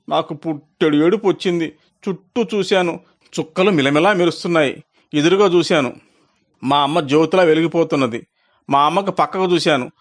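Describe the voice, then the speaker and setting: Man storyteller, slightly high pitch, first-person kids' tale, talks right to the listeners. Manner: first-person telling that asks the listeners questions. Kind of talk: scripted storybook narration.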